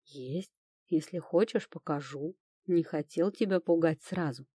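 A woman voicing a male demon lover who speaks in a low, slow, possessive growl. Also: dark tone, no room sound, studio quality, natural voice. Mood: teasing.

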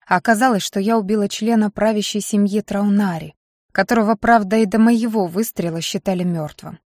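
A woman reads a first-person audiobook with lively, expressive emphasis. Her voice sits at an ordinary middle pitch for a woman. The recording is dry and close, with no room echo. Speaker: audiobook narrator.

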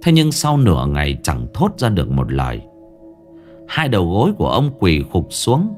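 A man narrating a ghost story in a grave, expressive storytelling voice. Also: sits low, normal speed, soft background music.

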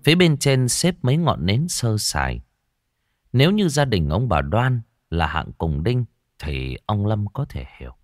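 A man from Northern Vietnam narrating a ghost story slowly and dramatically, dropping to a hush at tense moments. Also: fairly low pitch, big pitch swings, no room sound, clean studio sound.

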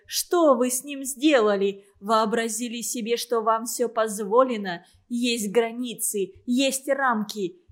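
A woman reading an audiobook, voicing a distraught middle-aged mother who shrieks tearful accusations. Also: close to an everyday voice. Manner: shrill, tearful outbursts.

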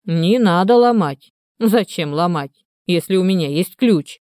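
A woman voicing a hoarse, half-drunk old male canal watchman who grumbles slowly and muses aloud. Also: lowish voice, animated, a little mellow, dry recording, clean studio sound. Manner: grumbling, slow and musing.

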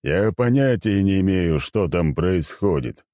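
Man doing a polite, deep-voiced king. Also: expressive, slow pace, darkish tone, no echo, clean studio sound, heavily acted. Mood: courteous. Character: polite older male king Bor.

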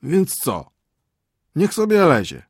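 A man's voice: on the high side, huge pitch swings, slow pace, slightly rough, dry recording, clean studio sound, pitched above the performer's own voice, exaggerated voice. A man reading an audiobook, voicing a sleepy husband who grumbles and snaps dismissively. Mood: irritated. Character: sleepy grumpy middle-aged husband, a prosecutor's aide. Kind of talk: audiobook character voice.

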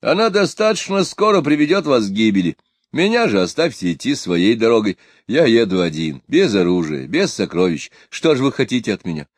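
A man voicing a calm, firm male scholar who speaks in a measured, lightly ironic way. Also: mid-range voice, no echo, clean studio sound. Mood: steady.

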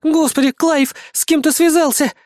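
A reader voicing a frightened young woman who pleads in a high, tearful voice in an audiobook. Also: expressive, slow, slightly rough, dry recording, studio quality, full character voice. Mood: terrified, pleading.

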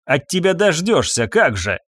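A man voicing a sharp-tongued, impatient middle-aged woman who scolds and snaps, in a lifted voice. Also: on the high side, sing-song, moderate pace, no echo, studio quality, pitched above the performer's own voice. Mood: scolding.

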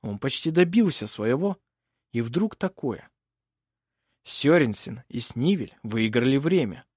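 A man narrating an audiobook in an expressive storytelling manner. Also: mid-range voice, measured pace, husky, dry recording, studio quality. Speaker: audiobook reader.

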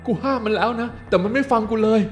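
A terrified young man, as a male storyteller puts him on, lost alone in a haunted house and begging a friend for help. His voice jumps well above the narrator's own and comes out loud and frantic, the words rushed and pleading. Soft music sits underneath. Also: very high voice, pitched above the performer's own voice. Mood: frightened.

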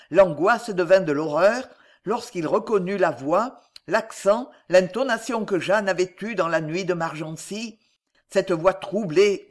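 Slow, high-voiced dramatic male reader. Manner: measured, expressive, dramatic pauses. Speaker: audiobook reader. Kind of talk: dramatic reading of a classic novel.

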